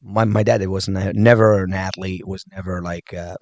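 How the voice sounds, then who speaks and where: Deep-voiced man from Morocco, chatty. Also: moderate pace, highs cut off. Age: 30s. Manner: animated, laughing, fills with "like" and "you know". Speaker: judo instructor, podcast guest. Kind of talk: casual storytelling chat.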